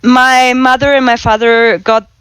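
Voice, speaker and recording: A woman from Spain with a German accent in English, chatting as a podcast guest, self-deprecating and quick to laugh. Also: on the high side, little pitch movement, fairly bright tone, clean tone, no echo, rough recording. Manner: chatty, self-deprecating, frequent laughter, small grammar slips. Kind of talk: casual podcast chat.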